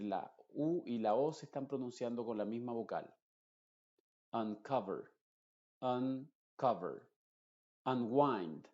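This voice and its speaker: A man teaching English pronunciation in Spanish, slowly repeating example words and contrasting wrong and right vowels. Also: mid-range voice, warm tone, muffled recording. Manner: slow, drilled word repetition with contrasts. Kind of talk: pronunciation lesson.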